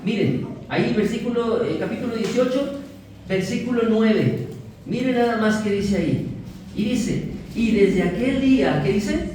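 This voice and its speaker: Mexican male pastor, high voice, lively sermon, distant mic, faint hiss. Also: a little slow. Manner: lively, asks the congregation questions and jokes. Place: church sanctuary. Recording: very echoey church hall, from far off.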